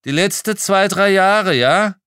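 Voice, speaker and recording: A sullen fat office boss grumbles offhandedly, as a man reading the story puts him on. The voice sits far above the reader's low natural pitch. It is recorded dry and close. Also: takes it slowly, sharp tone, smooth, no room sound, full character voice. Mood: grumbling offhand.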